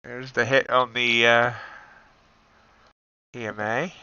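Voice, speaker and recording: A man's voice: mid-range voice, fairly even intonation, slow, sharp tone, smooth, no room sound, lo-fi sound. A man commenting on his live futures trades, wry and self-deprecating, reading out prices as they move. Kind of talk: live trading commentary, thinking aloud.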